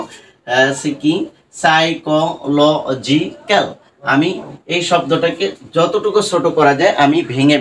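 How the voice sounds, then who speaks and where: A man's voice: fairly high pitch, a little hiss or hum. A man teaching English pronunciation in Bengali with a Bangladeshi accent, spelling words out letter by letter and often asking "right?" as he goes. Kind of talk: online pronunciation lesson.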